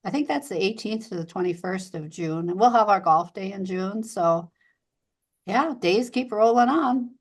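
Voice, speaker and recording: Woman guest on a local show, casual small town chat, average pitch. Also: lively intonation, moderate pace, breathy edge. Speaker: interview guest.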